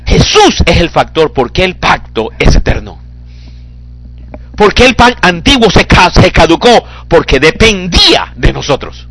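Pastor, male, high and animated voice, bright tone, dramatic swings from hush to shouting. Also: a little slow, poor audio. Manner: dramatic preaching, swings from low murmurs to shouted cries. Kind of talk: sermon.

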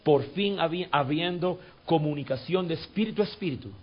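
A pastor leading his congregation in a sermon and guided prayer. He repeats scripture lines, swells to fervent peaks and sinks to soft, coaxing tones. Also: fairly high pitch, fairly quick, muffled recording. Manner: repeats phrases and drills scripture.

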